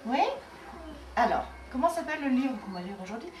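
A woman's voice: high voice, expressive, a little fast, darkish tone. A woman teacher reading a picture book to small children, asking them questions in an encouraging, sing-song way. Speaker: preschool teacher. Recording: roomy room, far from mic, faint noise.

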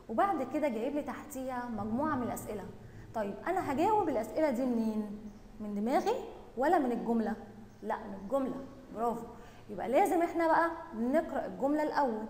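A woman with an Egyptian accent teaching young children Arabic reading, stretching out words slowly and praising them often. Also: fairly high pitch, darkish tone, echoey room, long reverb tail. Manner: drawn-out syllable-by-syllable reading, praising and questioning pupils. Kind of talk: recorded online lesson for young children.

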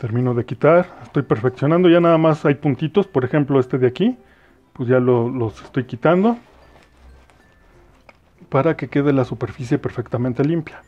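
Working in his kitchen, a Mexican-accented man casually shows off a cleaning product and talks viewers through it in a relaxed, explanatory way. His mid-range voice moves at normal speed, and the lo-fi phone recording carries faint music behind him.

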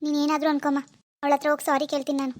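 A woman's voice: high voice, completely flat delivery, very fast, no echo, studio quality, natural voice. A woman playing a remorseful middle-aged mother-in-law who earnestly begs her daughter-in-law's forgiveness in a homemade family drama skit. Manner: earnest, pleading, apologetic.

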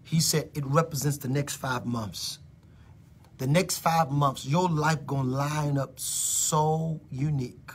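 A middle-aged man preaching prophecy live over his phone, repeating phrases and swinging between loud declarations and whispers. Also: a little high, fairly even intonation, slow, slight background noise.

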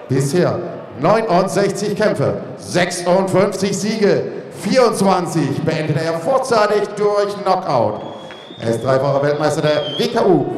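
A male ring announcer with a high voice delivers formal fight introductions. He draws names out like a showman in classic arena announcer style. His voice echoes through a big indoor arena with long reverb.

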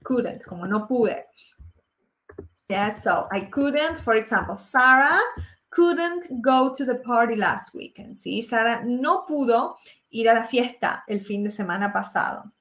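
In an expressive, higher voice with reverb, a young woman from Argentina with an Argentine Spanish accent leads a live online English lesson. She slowly drills examples and checks that everyone is following along.

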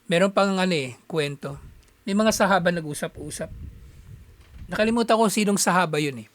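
A man's voice: high-pitched, a bit bright. Chatty man telling a religious story. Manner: conversational, halting with frequent fillers. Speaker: Islamic teacher. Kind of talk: casual storytelling lecture.

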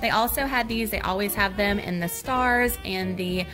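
Music plays in the background as a Southern US woman narrates her shopping vlog at normal speed and medium pitch. Cheerful and casual, she calls out products and prices while recording on a handheld phone in a big indoor store.

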